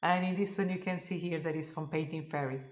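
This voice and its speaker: Talking fast in a low, steady voice with roomy sound, the cross stitch vlogger shares her work in a casual show-and-tell. She's a native Portuguese speaker, tired at the end of a long day, thinking aloud as she searches for words.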